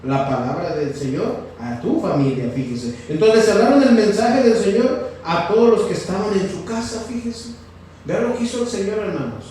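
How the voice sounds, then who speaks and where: A man's voice: high voice, lively intonation, moderate pace, dark tone, slight background noise. A man preaching a sermon to a congregation, constantly asking them questions and repeating "fíjese". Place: church hall. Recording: very echoey, from far off.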